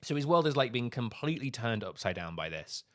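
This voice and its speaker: A man co-hosting a podcast, retelling a life story in casual chat with animated asides. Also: mid-range voice, brisk. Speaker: podcast co-host.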